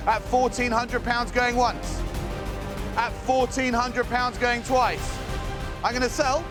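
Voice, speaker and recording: A woman's voice: fairly high pitch, steady tone, takes it slowly, music in the background. A woman working as an auctioneer, calling rising bids in clipped, repeated figures. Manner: clipped, repetitive chanting of bid figures.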